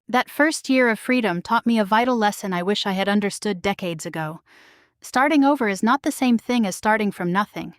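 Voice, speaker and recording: A woman in her fifties telling her own story in a measured, reflective voice of middling pitch. The sound is dry and close, with no room around it. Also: no room sound. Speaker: narrator. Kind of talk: scripted first-person story narration.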